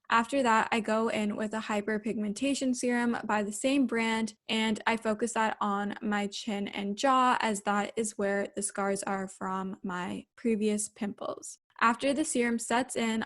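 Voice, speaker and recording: A woman's voice: a little high, fairly even intonation, a little slow, few pauses. A woman casually narrating her daily routine like a lifestyle vlogger, chatty and explanatory.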